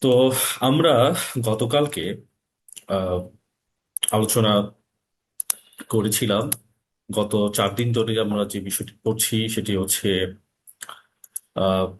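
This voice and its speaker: Slow-speaking man teaching Quran recitation. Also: on the low side. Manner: slow, drawn-out demonstration of Arabic letter sounds; Arabic recitation woven into the teaching. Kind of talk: online Quran pronunciation lesson.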